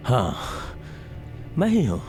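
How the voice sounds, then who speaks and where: Jealous scheming villain, gloating, very lively pitch, film dub with music behind. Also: male voice, slow pace. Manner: menacing, boastful confession. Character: jealous scheming young man turned villain.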